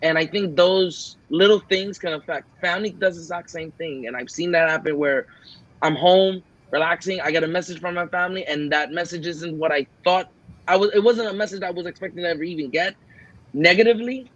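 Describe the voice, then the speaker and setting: A man's voice: sits high, a little fast, a bit bright, lo-fi sound. A man co-hosting a podcast, talking in an earnest, rambling way and acting out his own quoted lines. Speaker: podcast co-host. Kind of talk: casual podcast chat.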